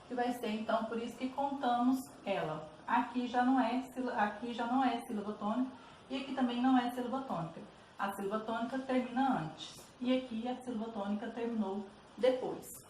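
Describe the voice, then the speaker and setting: Teacher explaining exercises, higher-pitched Brazilian woman. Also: fairly quick, a little mellow. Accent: Brazilian Portuguese. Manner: patient, repeats "tá bom?" checks. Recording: roomy echo, distant mic, faint noise.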